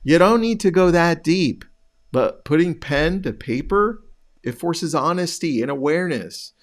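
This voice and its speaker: A man's voice: a little high, lively intonation, measured pace. A man hosting a show, giving direct motivational coaching to real estate agents with rhetorical questions. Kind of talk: motivational talk to camera.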